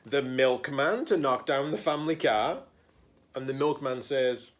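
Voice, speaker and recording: With a medium-pitched voice, a teacher-librarian reads a picture book to children, adding playful dramatic emphasis, pauses and chatty asides.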